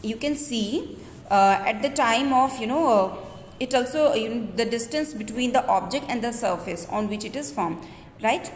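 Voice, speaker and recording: Higher-pitched woman teaching in echoey room. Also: moderate pace. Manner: earnest, explanatory, often ending phrases with a questioning "right?". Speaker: school teacher. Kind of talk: school lecture to students. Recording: echoey reverberant room with background noise.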